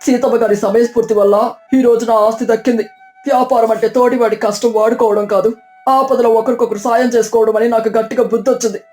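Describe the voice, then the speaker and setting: A woman voicing a grown merchant man who has been humbled and speaks loudly, pleading and choked with tears. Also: on the high side, fairly even intonation, fast, natural voice. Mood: tearful grateful. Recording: roomy, distant, with soft music.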